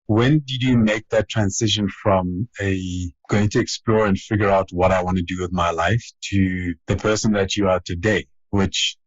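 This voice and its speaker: A male podcast host with a husky, fairly low voice asks thoughtful questions, hedging and restarting as he feels his way toward the point. The sound is dull and lo-fi, and it is close and dry. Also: fairly even intonation, moderate pace, hardly any pauses, dry recording. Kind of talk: interview questions and scripted intro.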